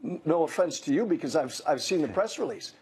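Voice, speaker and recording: An older man appears as a guest on a news interview, offering blunt, emphatic commentary and frequently restarting his words. His voice is on the high side, animated, brisk, and darkish with a breathy edge, and the recording is rough.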